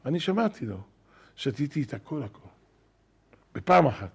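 An older man, a rabbi, telling wonder stories in a sermon at a synagogue, animated, acting out what people said. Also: a little high, gravelly, husky. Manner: animated storyteller, acting out quoted shouts. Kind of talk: storytelling sermon.

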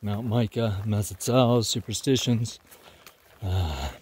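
A man's voice: lowish voice, takes it slowly, a little mellow, a little hiss or hum. A man vlogging casually on a forest trail, rambling with many fillers. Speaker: thru-hiker vlogger.

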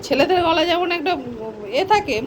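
A woman's voice: very high voice, a little fast, background noise. A woman at home, fussing fondly over her pet dog and scolding her child. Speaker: pet owner and mother. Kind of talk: casual home video chat. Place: indoors at home.

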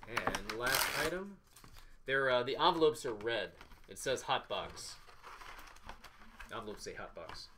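A man's voice: mid-range voice, expressive, measured pace, pauses often, noisy background. A man in his thirties hosting an unboxing, announcing each item in short, clipped phrases. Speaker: host of a sports card box-break show. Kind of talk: unboxing commentary, calling out items. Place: small office, indoors.

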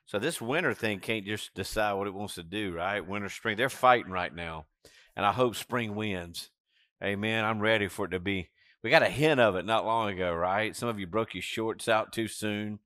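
A man's voice: on the low side, fairly bright tone, dry recording, studio quality. A man in his fifties, a pastor giving a sermon from a church stage on a headset mic, talking in a chatty, conversational way. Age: 50s. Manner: conversational preaching with frequent "right?" and "amen", gesturing while seated. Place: church stage, seated on a stool.

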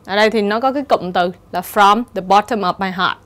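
A woman teacher giving a steady, explanatory exam-prep lesson and reading the answer options aloud. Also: medium pitch, a little fast. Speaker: English teacher.

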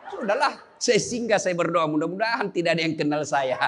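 A man's voice: fairly high pitch, expressive, fairly quick, slight background noise. A man preaching a humorous sermon, joking with the crowd and quizzing them with questions. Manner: joking, chatty, quizzes the audience. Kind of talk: humorous sermon to a live audience.

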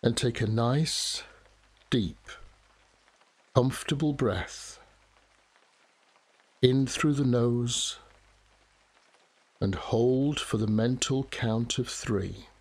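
A man leads a guided meditation in a soft, soothing voice of medium pitch. He speaks very slowly, leaving long pauses between short phrases. Steady rain falls behind him. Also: husky. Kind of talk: guided relaxation meditation narration.

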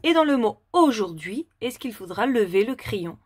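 A woman teacher giving a slow, step-by-step handwriting lesson to a young child. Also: on the high side, sing-song, darkish tone, husky, no echo.

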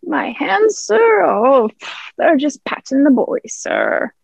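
A young woman plays a sly, wheedling pirate in a radio play, using ingratiating old seafaring dialect in an exaggerated voice. Her pitch is high and swings widely, and she speaks slowly with some creak. It was recorded remotely from an indoor room, so the dry home audio sounds muffled.

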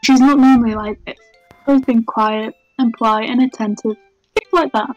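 A woman's voice: on the high side, fairly even intonation, normal speed, no room sound, highs cut off, faint music behind, close to an everyday voice. A woman voicing an anxious, pouty teenage schoolgirl from a visual novel, earnest and pleading. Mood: worried, pleading. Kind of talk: visual novel character dubbing.

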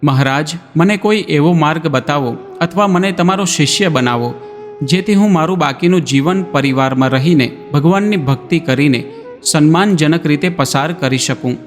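A man's voice: fairly high pitch, normal speed, natural voice. A male narrator voicing a grieving old village man who pleads with folded hands. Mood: pleading. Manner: imploring, tearful pleas. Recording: long reverb, background music.

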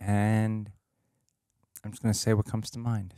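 A man's voice: lowish voice, monotone, a little slow, mellow, clear, resonant tone, no room sound, clean studio sound. A young man co-hosting a reaction show, casually chatting with crude jokes and laughter. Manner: joking, crude banter with laughter. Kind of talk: casual chat.

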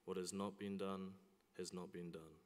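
A man's voice: low-pitched, little pitch movement, moderate pace. A young male student leading liturgical prayers at a chapel lectern, reciting steadily and evenly. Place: large school chapel, at a lectern. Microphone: lectern mic. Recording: long hall reverb.

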